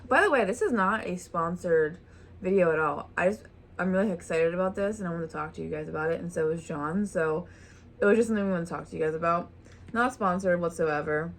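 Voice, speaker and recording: A woman's voice: on the low side, quick pace. A woman hosting a vlog, chatting casually while eating a meal at home. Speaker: vlog host. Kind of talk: casual chat over a meal.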